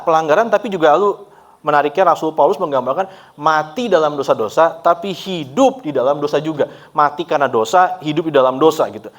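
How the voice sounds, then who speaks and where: A man preaching a sermon at a church service in a relaxed, chatty way, often laughing and mixing in English words. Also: on the high side. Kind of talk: conversational sermon.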